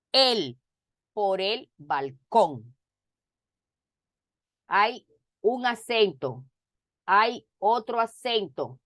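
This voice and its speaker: A woman teacher on a video call, working through a grammar lesson in a slow, deliberate way and repeating each point. Her voice comes across dry, with no room sound around it. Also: medium pitch, a bit bright, dry recording. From Dominican Republic.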